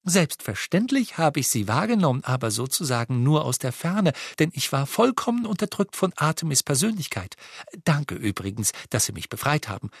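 A man's voice: on the high side, sing-song, moderate pace, slightly rough, no echo, clean studio sound, pitched above the performer's own voice, heavily acted. A man voicing a courtly, dreamy teenage boy. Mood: courtly, eager. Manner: formal, flowery and eager to please.

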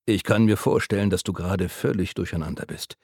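A gentle, patient caretaker, voiced by a male narrator, soothing and a little too talkative. His voice is low and gravelly. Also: a little fast, no room sound, clean studio sound. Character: gentle, chatty man caring for a patient.

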